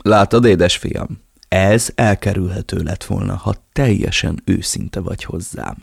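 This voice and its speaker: A man's voice: deep voice, gravelly, husky, no echo, studio quality, heavily acted. A man reading an audiobook, voicing a cruel old drug cartel boss who gives orders in a menacing, commanding way. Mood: mocking.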